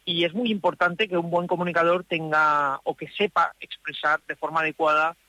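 High bright-voiced man in a parked car. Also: flat delivery, no room sound, rough recording. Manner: thoughtful, with pauses and restarts. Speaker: psychologist guest. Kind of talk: explanatory radio talk.

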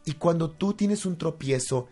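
A young man hosting a motivational self-help show, speaking with passion and building to loud outbursts. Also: fairly high pitch, a little slow, faint music behind. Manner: impassioned, rising to near-shouting when acting out frustration. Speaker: host of a self-improvement show. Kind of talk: motivational monologue.

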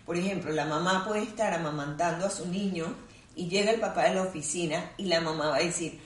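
A woman clinical psychologist explaining things in a calm, measured, teacherly way. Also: lowish voice. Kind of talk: explanatory conversation. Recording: roomy sound from a distant mic.

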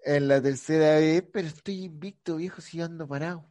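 A man's voice: on the high side, fairly even intonation, a little fast, mellow, no room sound. A Chilean man trading profane, teasing insults in crude comic banter with a co-host.

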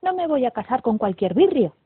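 A woman voicing a blunt, headstrong teenage princess with a high, pouty voice. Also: big pitch swings, fairly quick, dry recording, exaggerated voice. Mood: defiant. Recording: dry, tinny phone-like, raspy.

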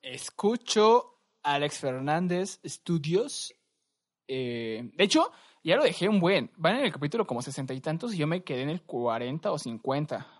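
A young man with a Mexican Spanish accent, co-hosting a podcast and telling stories in a relaxed, slangy, rambling way. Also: a little high, normal speed. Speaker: podcast co-host. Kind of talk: casual chat.

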